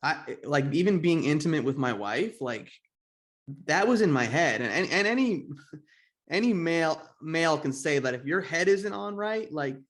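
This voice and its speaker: Expressive and a little high, his fairly bright voice moves at a normal speed. He's a forties-aged American podcast host whose candid interview talk wanders, packed with fillers and false starts.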